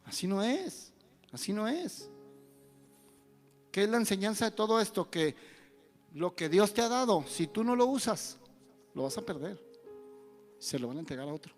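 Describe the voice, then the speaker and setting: A male pastor, preaching an animated sermon and acting out the voices of the people he quotes. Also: high-pitched, moderate pace, long pauses, soft background music.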